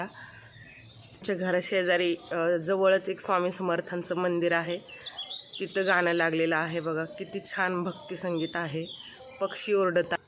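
Outdoors around a village home and farm, a middle-aged woman narrates a casual vlog, chatting and pointing things out to her viewers. Her voice sits on the low side with a slight hiss or hum, and birds and outdoor ambience fill the background.

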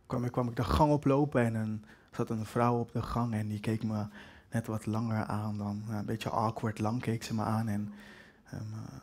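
A man's voice: lowish voice, little pitch movement, normal speed, darkish tone. Hesitant young man telling a story. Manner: hesitant, reflective, wry. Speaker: spoken-word performer. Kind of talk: personal storytelling on stage. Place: live stage with an audience.

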